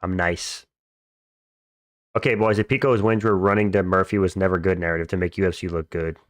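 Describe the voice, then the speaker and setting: A man with a fairly low voice hosts a casual livestream. He talks like a frat bro, dropping bro and dude as he reads chat and replies. The sound is dry, with very little room on it. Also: fairly even intonation, fairly quick, no room sound. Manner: frat-bro talk, slangy, peppered with bro and dude. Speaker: livestream host. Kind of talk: casual livestream chat, reading out and answering viewer comments.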